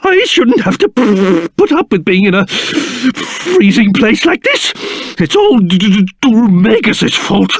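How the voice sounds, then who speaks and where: A man voicing a pompous, excitable old cursed king in a video game, with a British accent and a theatrical manner that swings between grumbling and shrill outbursts. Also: takes it slowly, no echo, full character voice. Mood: shivering, complaining. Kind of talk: video game character voice acting.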